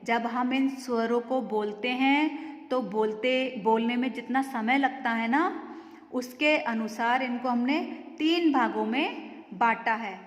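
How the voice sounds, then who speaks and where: A woman teaching a grammar lesson to children, patiently asking questions and answering them herself, drawing out vowel sounds to demonstrate them. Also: fairly high pitch. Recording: echoey room with long reverb.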